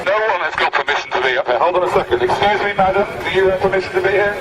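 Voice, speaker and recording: A man's voice: sits high, expressive, very fast, over a noisy crowd. A man speaking through a megaphone as a street activist, making ironic, mock-polite announcements. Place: busy city street outdoors. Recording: echoey megaphone voice from a distance, street noise.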